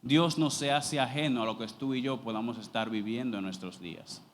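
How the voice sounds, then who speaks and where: A man preaching a sermon as pastor, reading scripture aloud slowly and then explaining it with rising emphasis. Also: mid-range voice, slight background noise. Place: church sanctuary. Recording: long reverb of a church hall.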